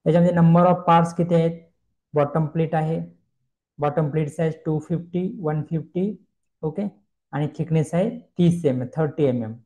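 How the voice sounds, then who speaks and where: A man giving a screen-recorded software tutorial, explaining step by step and asking himself questions he then answers. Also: a little high, moderate pace, low-quality recording. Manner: explains step by step, mixing English terms, repeats questions and answers them.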